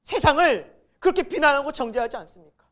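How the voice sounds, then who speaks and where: A woman's voice: sits high, lively intonation, fast, fairly bright tone. A middle-aged woman pastor preaching a sermon, emphatic, asking the congregation rhetorical questions and building to exclamations.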